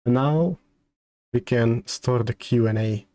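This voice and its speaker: Slow, halting male streamer, mellow voice. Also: mid-range voice, no echo. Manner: halting, hesitant delivery with repeated words. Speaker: streamer hosting a debut stream. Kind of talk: casual livestream chat.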